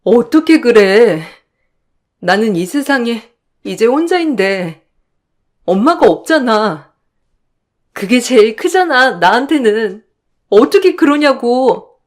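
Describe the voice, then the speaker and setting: A woman's voice: on the high side, very animated, a little slow, pauses often. A woman playing a grieving daughter in a radio drama, pleading and tearful. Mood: sobbing.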